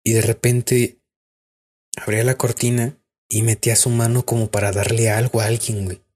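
His voice is medium in pitch with little movement, darkish and slightly rough, at a moderate pace. This Mexican-accented podcast co-host rambles casually through a spooky personal tale, restarting and using many fillers.

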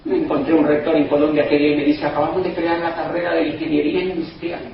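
A man's voice: on the high side, little pitch movement, fast, vocal fry. A man giving an emphatic, persuasive business speech to a live audience, repeating his points and often calling out to the crowd. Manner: emphatic, repetitive, keeps addressing the crowd as "señores". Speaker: motivational business speaker. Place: event hall in Madrid. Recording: very echoey hall, distant mic, dull sound, faint noise.

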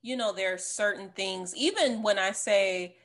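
A woman's voice: mid-range voice, normal speed. Thoughtful woman in casual film chat. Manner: reflective, asks the group questions. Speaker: podcast co-host.

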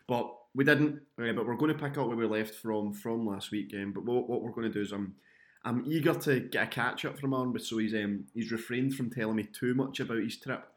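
A man's voice: mid-range voice, fairly quick. A man hosting a casual, jokey podcast, recorded on a laptop microphone with a muffled, underwater sound. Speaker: podcast host. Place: indoors at a friend's home.

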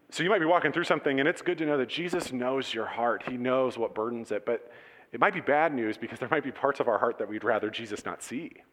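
A man gives a relaxed, conversational sermon, talking to his congregation like friends and tossing questions out for them to answer. His voice sits at an ordinary pitch for a man. The sound rings with the long reverb of a church hall. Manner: casual and animated, asks the congregation questions. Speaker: pastor.

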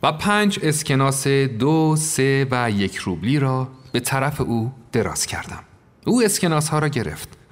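A man narrating a first-person story in a measured, reflective manner. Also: medium pitch, big pitch swings, faint music behind. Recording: long reverb.

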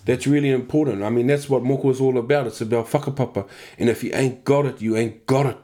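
A man's voice: mid-range voice, steady tone, quick pace, dark tone. A middle-aged man with a New Zealand accent, talking candidly and bluntly as an interview guest, swearing freely. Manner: blunt, sweary, punctuated with "you know" and "man". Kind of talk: casual, candid conversation.

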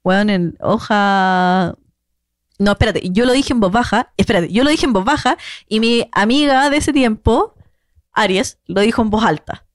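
A woman's voice: mid-range voice, moderate pace, no room sound, studio quality. A young Chilean woman co-hosting a podcast, telling slangy, crude stories in casual chat. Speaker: podcast co-host.

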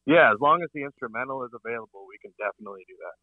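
A man's voice: mid-range voice, expressive, racing, no room sound, phone-quality sound. A man on a speakerphone call, chatting casually and easygoing as a recording studio owner. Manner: easygoing, friendly slang. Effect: heard over a speakerphone call. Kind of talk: casual phone chat.

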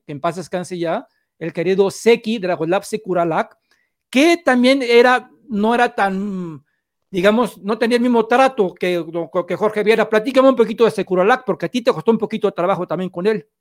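A man with a high, animated voice hosts a casual interview at a moderate pace. He asks long, rambling questions and often drops in short backchannels.

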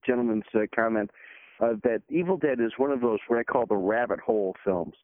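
A man joining a casual chat, speaking haltingly with stammering restarts, heard over a phone line. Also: mid-range voice, dry recording. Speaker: podcast panelist.

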